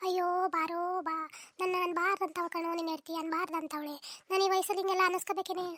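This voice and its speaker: A woman doing a shrill wailing cartoon mother-in-law. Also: flat delivery, very fast, fairly bright tone, dry recording, studio quality. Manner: wailing, bickering, melodramatic laments. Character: complaining elderly mother-in-law, self-pitying and dramatic. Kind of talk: comic cartoon dub.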